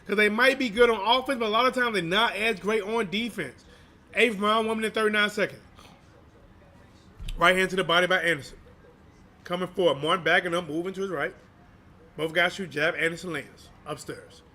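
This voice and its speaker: Bright, high-voiced man calling boxing live. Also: a little fast, pauses often. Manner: slangy, informal, chatty with viewers. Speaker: boxing livestream commentator and channel host. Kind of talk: live boxing play-by-play commentary.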